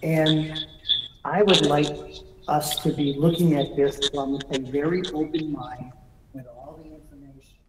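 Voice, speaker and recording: A man on a committee, speaking in a measured, deliberate way over video-call audio that keeps breaking up and cutting out. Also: on the high side, steady tone. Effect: choppy video-call audio that keeps cutting out. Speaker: committee member. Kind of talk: remote meeting discussion. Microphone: remote video call. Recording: distant, echoey, noisy call audio.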